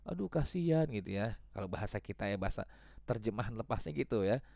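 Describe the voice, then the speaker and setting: A man's voice: lowish voice, fast talker, creaky, a little mellow, dry recording. A man teaching English to children, patiently repeating each example and translating it. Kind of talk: explaining a grammar lesson to children.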